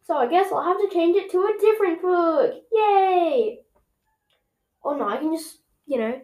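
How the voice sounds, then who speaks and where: High-voiced female podcast host, chatty and rambling, casual home setup. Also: animated, brisk, a little mellow. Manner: rambling, chatty, with frequent self-corrections. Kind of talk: casual solo podcast chat. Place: home room.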